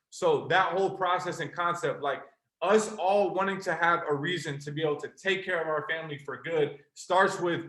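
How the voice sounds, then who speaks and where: A young adult man, a trading mentor, gives an earnest, passionate motivational sales pitch to a live online call, speaking straight to his listeners. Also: fairly bright tone. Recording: roomy echo.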